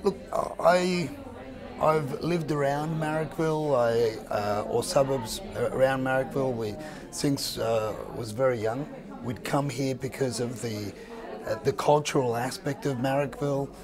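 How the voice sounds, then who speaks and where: Halting man amid crowd. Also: medium pitch. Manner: halting, many uhs. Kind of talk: vox pop interview. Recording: street crowd noise behind.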